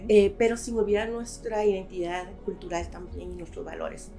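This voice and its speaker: A woman's voice: mid-range voice, normal speed, warm tone, faint music behind. A middle-aged woman from Guatemala, a guest in a conversational interview, speaking thoughtfully with frequent hesitations.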